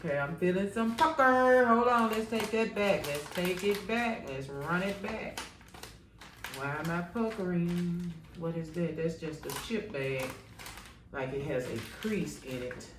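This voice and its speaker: A woman's voice: on the low side, a little slow, noisy background. A woman chatting to herself and her viewers as she works on a craft project, using Southern US slang. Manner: chatty, talks to herself and the viewers while working. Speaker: crafting vlogger. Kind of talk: casual crafting tutorial. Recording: roomy, from a distance, faint ambience.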